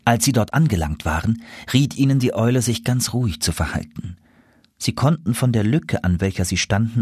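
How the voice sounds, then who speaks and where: A man narrates a fairy tale in a calm, measured way. His voice is husky, recorded close and dry with no room sound. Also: lowish voice, dry recording. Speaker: audiobook narrator.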